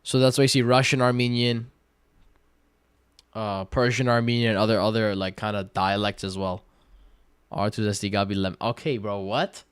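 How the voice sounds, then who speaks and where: A twenty-year-old man livestreaming, reading viewer questions aloud and answering in relaxed, slangy chat full of fillers. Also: fairly low pitch, moderate pace, clean tone, dry recording. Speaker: day-trading livestreamer.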